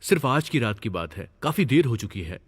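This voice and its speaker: A man's voice: mid-range voice, sing-song, brisk, husky, long reverb tail. An actor dubbing a carefree young man who brushes off worries and coaxes his partner. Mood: coaxing. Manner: coaxing, dismissive. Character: carefree, coaxing young boyfriend. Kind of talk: Hindi film dub.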